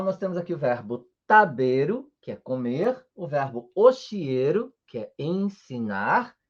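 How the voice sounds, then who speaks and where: A man's voice: a little high, a little mellow, highs cut off. A man teaching a live-streamed language lesson, explaining patiently, checking in often with his viewers, and chanting rows of syllables in a sing-song way. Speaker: Japanese teacher.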